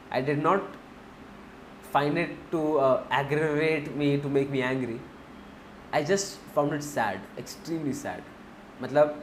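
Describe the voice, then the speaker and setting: A man's voice: fairly high pitch, echoey room, a little hiss or hum. A man with an Indian accent teaching a finance class, mixing Hindi into his English, repeating key points and asking the class questions.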